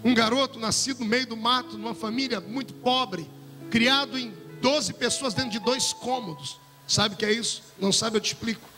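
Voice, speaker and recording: High-voiced impassioned male preacher. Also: moderate pace. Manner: impassioned preaching, swelling into shouts and near-singing. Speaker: pastor. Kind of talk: sermon. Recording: music under a long hall reverb.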